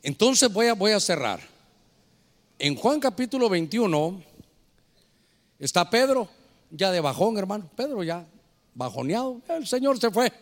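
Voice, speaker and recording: A male pastor delivers a fervent sermon in a high-pitched voice. He keeps turning to the congregation and calling them brother. The sound carries the long reverb of a church hall. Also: very animated, measured pace, pauses often.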